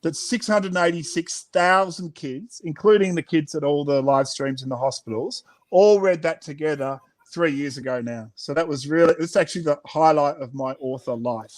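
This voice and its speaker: A middle-aged Australian man, a children's author, reads his own picture book aloud and chats about it with animated, playful theatricality. His voice sits on the high side, and he keeps a moderate pace with few pauses.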